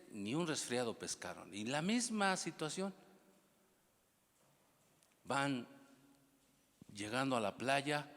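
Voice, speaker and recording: A man preaching a sermon as pastor, moving from hushed passages to loud exclamations, with humorous asides and prompts to the congregation. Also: on the low side, big-room sound.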